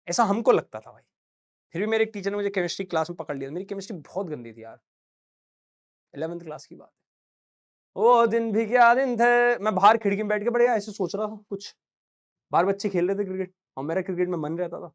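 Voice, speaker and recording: Chatty man teaching physics to students. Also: a little high. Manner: chatty, addresses students as beta and bhaiya, tells anecdotes; sings little sound effects between points. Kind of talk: casual classroom lecture.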